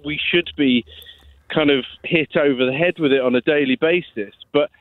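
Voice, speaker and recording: A phone-in caller to a radio show speaks in a slightly high voice at a moderate pace, sounding earnest, hesitant and apologetic, repeating himself often in the casual conversation. He's heard over a telephone, so the sound is tinny and narrow-band, yet dry.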